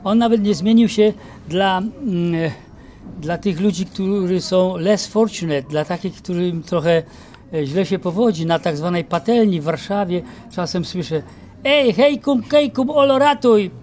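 A man's voice: high voice, a little hiss or hum. Reminiscing older man, outdoors. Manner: reminiscing, lively with many pauses and fillers. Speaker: actor interviewee. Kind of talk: casual interview. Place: outdoor garden courtyard. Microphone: handheld mic held by interviewer.

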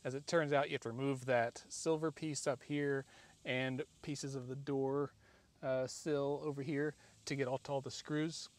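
In a flat, medium-pitched voice at a moderate pace, an American man in his forties casually rambles and jokes about himself as he handles a product installation for a how-to vlog. Recording happens in a driveway and a parked car on a camera or phone mic from arm's length to a few feet, with noisy audio and clear ambient noise.

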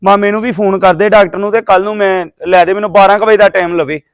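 A man plays an evasive young Punjabi village son, easygoing and secretive. His voice sits high and moves fast, recorded dry and close. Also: steady tone, clear, resonant tone, no room sound, natural voice. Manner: brushing off questions, placating. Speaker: grown son. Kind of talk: village drama acting.

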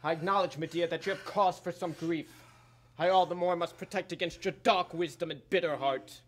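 Stern king voice, fairly high for a man, commanding, stage tragedy, young actor playing him. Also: steady tone, fairly quick, lightly acted. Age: young adult.

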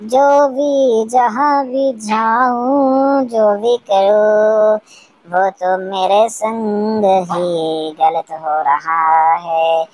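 A woman reading a comic cartoon dub in a playful sing-song way. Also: mid-range voice.

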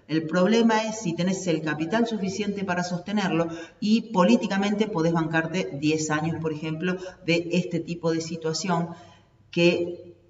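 A woman's voice: lowish voice, measured pace. Argentine woman teaching, echoey room. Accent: Argentine Spanish. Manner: explanatory, steady, uses hand gestures. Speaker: accounting and economics teacher. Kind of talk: recorded online lesson. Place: home study with bookshelves, indoors. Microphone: webcam at desk. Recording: roomy, distant, dull webcam sound.

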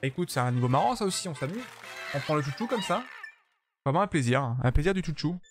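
Chatty tired male streamer, slightly high voice. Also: animated, fast, over music. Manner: chatty, joking, swears freely, talks to chat. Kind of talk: casual live-stream commentary while playing.

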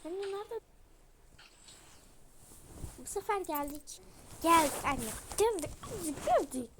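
A nagging, impatient little girl, played by a woman, in a toy role-play story. She speaks in a high, bright voice and demands answers quickly. A faint background hum sits under her. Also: sing-song. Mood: excited. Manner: nagging, whining.

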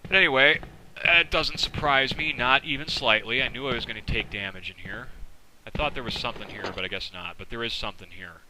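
A man's voice: medium pitch, a little fast, noisy background. A man giving casual, profane, rambling commentary over a video game while losing his voice. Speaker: let's play commentator. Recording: game music underneath.

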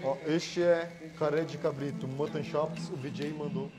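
A young man serving as a waiter calmly explains each dish and relays messages from the kitchen. His voice sits a little high. A clear music bed plays underneath. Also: normal speed. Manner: polite, explaining dishes. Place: indoor restaurant.

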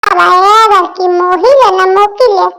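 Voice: very high voice, a little slow, bright, forceful tone, exaggerated voice. A performer voicing a playful, cheeky young boy cat in a comic cartoon dub, chatty and full of questions, speaking with a Barishal accent. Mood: curious. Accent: Barishal dialect of Bengali. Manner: chatty, asks question after question.

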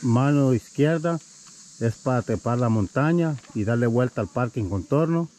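Holding an action camera at arm's length, a man in his thirties narrates his family's hiking vlog up a wooded trail, slightly winded as he walks and climbs. He's chatty and greets viewers as "mi gente." His warm, mid-range voice has lively intonation at normal speed.

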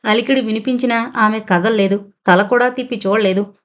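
A woman narrating a suspense audio novel in a steady storytelling reading. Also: on the high side, brisk. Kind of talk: scripted narration.

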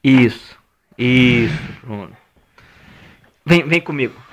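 A man's voice: medium pitch, slow pace, dull audio. A young man with a Brazilian accent chatting casually as he urges others on in repeated, sweary bursts while moving furniture. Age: young adult. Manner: urging, repetitive exclamations, swearing. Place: small laundry room by an outdoor entrance. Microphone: handheld camera or phone. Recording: noisy handheld amateur video with clicks.

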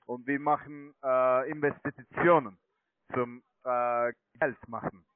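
Over a tinny, narrowband phone line, a male telemarketer managing online trading accounts makes a sales pitch. He isn't a native German speaker and talks hesitantly in broken phrases, his mid-range voice steady and slow.

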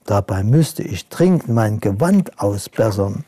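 A man's voice: lowish voice, very animated, unhurried, warm tone, husky, dry recording, full character voice. A man reading a bedtime story, voicing a pale, exhausted ghost who complains about its duties. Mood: whiny. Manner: whiny, yawning.

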